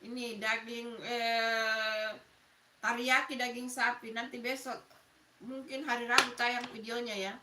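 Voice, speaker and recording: A woman's voice: a little high, little pitch movement, measured pace, bright, forceful tone, far from the mic, a little hiss or hum. A middle-aged woman from Makassar with a Makassar accent, hosting a casual live stream and chatting with viewers by name. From Makassar, South Sulawesi. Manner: chatty, greets viewers by name, laughs often. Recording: echoey room, voice off-mic.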